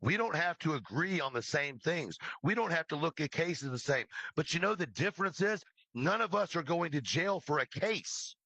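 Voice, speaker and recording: A man who hosts true crime livestreams berates someone who isn't present in an impassioned rant, cursing freely and repeating phrases for emphasis. His fairly high voice is expressive, pushed and bright, moving at a moderate pace with few pauses. The recording is dry and low-quality.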